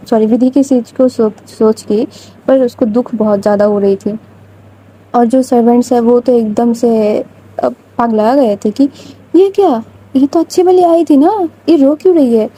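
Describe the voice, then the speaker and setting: A woman's voice: a little high, mellow, slightly rough, rough recording. A woman telling a love story in a casual, chatty, rambling way.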